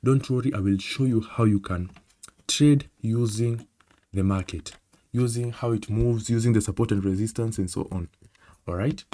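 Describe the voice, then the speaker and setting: A man's voice: fairly low pitch, a little fast, dark tone. A man with a Kenyan accent giving a screen-recorded trading tutorial, talking conversationally and checking in often with "okay?". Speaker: trading instructor.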